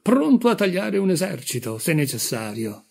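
A man's voice: medium pitch, normal speed, husky, natural voice. A man reading aloud, voicing a young husband who answers with sudden liveliness. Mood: animated. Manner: suddenly animated, bright. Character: young married man, eager dinner host.

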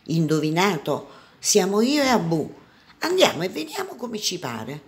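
A bold young street hero, as a woman reads him aloud, talking in a lively, cheeky way. A plain storybook voice, a little higher and brighter than the narration. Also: normal speed.

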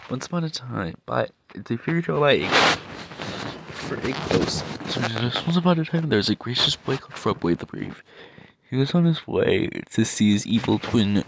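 A young man reading fan-made stories aloud, stumbling and halting with asides, over faint background noise. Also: on the low side, vocal fry.

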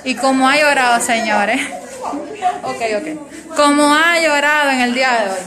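High chatty Cuban woman. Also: a little slow, crowd noise. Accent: Cuban Spanish. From Cuba. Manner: chatty, coaxing a crying child. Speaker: vlogger and ultrasound worker. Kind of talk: casual vlog chat to viewers. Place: hospital department in the Gambia. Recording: music playing under the voice.

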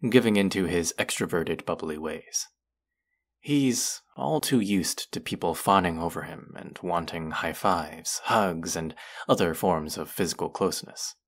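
In an audio roleplay, a male actor voices a condescending, smug young college man hoping to get into a rich club. His very deep voice carries a gravelly fry, and he drawls with haughty, sardonic smugness straight at the listener, in an exaggerated, aloof, advising way.

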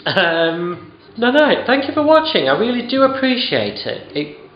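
A man's voice: very high-pitched, very animated, unhurried, reverberant, muffled recording, faint music behind. A man in his thirties, tired, chatting rambly and self-mockingly with lots of ums while he cooks at home, filming himself on a handheld camera. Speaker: cooking vlogger. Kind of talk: casual vlog chat. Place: home kitchen at night. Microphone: handheld camera close to face.

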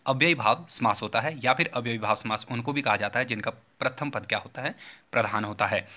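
Bright-voiced man explaining exam answers. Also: medium pitch. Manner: repetitive teacherly phrasing, steady explaining. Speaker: teacher hosting an exam-prep channel. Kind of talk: exam paper walkthrough lesson.

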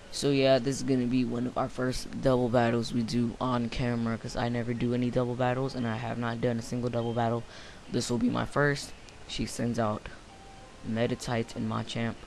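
Tired young man, gravelly flat voice. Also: mid-range voice, a little hiss or hum. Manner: rambling, offhand, many fillers. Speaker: gameplay commentator. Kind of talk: casual let's-play commentary. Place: home room, late night.

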